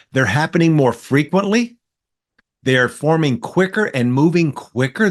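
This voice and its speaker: A middle-aged man, talking politics in a blunt, folksy way as a podcast co-host. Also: medium pitch. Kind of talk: casual political chat.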